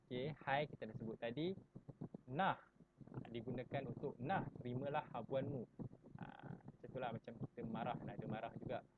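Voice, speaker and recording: A man's voice: medium pitch, a little fast. Malaysian malay guy teaching online, says okey a lot, tinny phone-ish sound, noisy. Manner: chatty, repeats "okey" and "ha" between points. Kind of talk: recorded online school lesson. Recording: tinny phone-like audio with clear noise.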